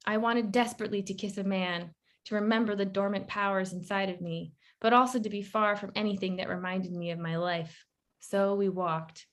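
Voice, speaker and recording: A woman's voice: medium pitch, fairly even intonation, normal speed, fairly bright tone. Woman author reading her story aloud.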